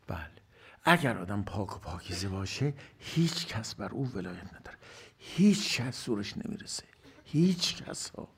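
A man's voice: on the low side, sing-song, vocal fry, breathy edge. A man giving a religious sermon, asking rhetorical questions and answering them himself, rising to emphatic bursts and dropping to whispered asides. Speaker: preacher.

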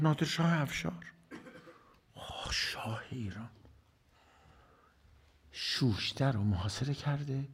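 A man's voice: medium pitch, breathy edge. A man giving a religious sermon, asking rhetorical questions and answering them himself, rising to emphatic bursts and dropping to whispered asides. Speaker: preacher.

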